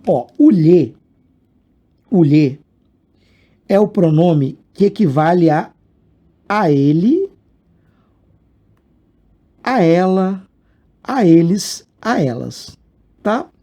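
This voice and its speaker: A man's voice: sits high, expressive, very slow, pauses often, warm tone, muffled recording. A man teaching grammar in a casual video lesson, explaining with examples and asking the viewer questions.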